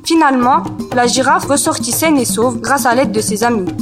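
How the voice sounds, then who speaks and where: A girl narrating a school storybook tale aloud in a steady read-aloud style. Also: a little high, moderate pace, music in the background.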